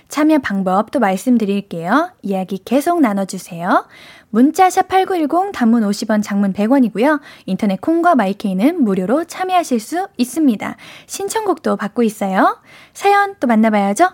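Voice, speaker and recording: Woman radio DJ, fairly high voice, playful and teasing, cute baby-talk, studio mic. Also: a little mellow. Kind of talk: live radio chat reading listener messages. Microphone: studio microphone.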